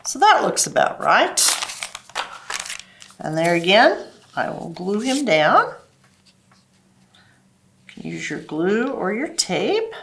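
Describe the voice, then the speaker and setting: A woman's voice: mid-range voice, huge pitch swings, slow, gravelly, pauses often, a bit bright, a little hiss or hum. A woman hosting a children's library program, explaining stories and crafts to kids in simple step-by-step terms. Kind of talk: children's craft lesson and storytime talk.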